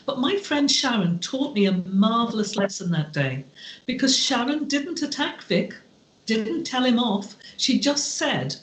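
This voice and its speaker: A woman guest on a podcast, telling stories slowly and deliberately in a heartfelt, reflective way. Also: fairly high pitch, sing-song. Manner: slow, deliberate, heartfelt delivery. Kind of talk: reflective storytelling in conversation. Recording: roomy echo.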